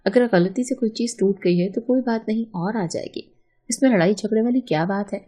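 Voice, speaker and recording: A woman voicing a patient middle-aged mother in a read-aloud storybook, speaking gently and soothingly. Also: medium pitch, lightly acted. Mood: gentle. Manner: gentle, coaxing. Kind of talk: storybook narration.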